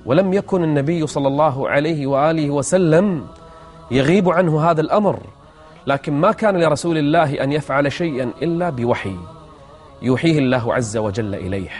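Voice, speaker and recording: Man preaching in formal standard Arabic, higher-pitched voice. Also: fairly quick, darkish tone. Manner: rhetorical, with repeated phrases and questions. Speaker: religious programme presenter. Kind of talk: religious storytelling to an audience. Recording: music behind the voice.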